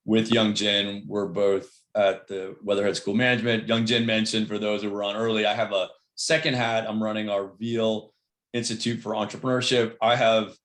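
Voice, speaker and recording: A man's voice: lowish voice, flat delivery, moderate pace, fairly bright tone, roomy sound. A man giving a casual, upbeat online presentation, talking with many fillers on a video call. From Cleveland, Ohio.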